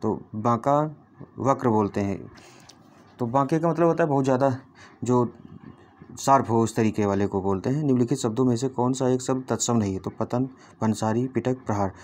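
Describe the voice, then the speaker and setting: A man tutoring through a solved exam paper, reading out each question and its answer options one by one before explaining. His pitch sits in a plain middle range. He talks in an unpolished way, with frequent false starts and quick self-corrections. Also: darkish tone. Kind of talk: solving a Hindi exam paper aloud.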